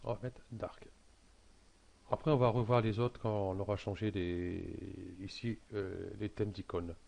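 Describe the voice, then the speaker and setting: A man talking through a casual software tutorial, hesitant and full of fillers and restarts. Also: on the low side, fairly even intonation, unhurried, gravelly.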